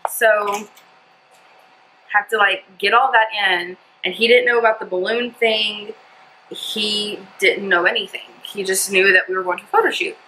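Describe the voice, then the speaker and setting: A woman's voice: medium pitch, steady tone, normal speed, bright, forceful tone, a little hiss or hum, poor audio. A young woman telling a personal story in a casual, rambling vlog while doing her makeup. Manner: chatty, lots of "like" and "blah blah". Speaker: vlogger. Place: indoors at home doing makeup.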